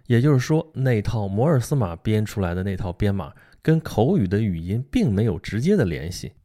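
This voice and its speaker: Low-voiced man explaining a book casually. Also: big pitch swings, a little fast, warm tone. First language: Mandarin Chinese. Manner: conversational, asks rhetorical questions. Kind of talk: casual spoken book lecture.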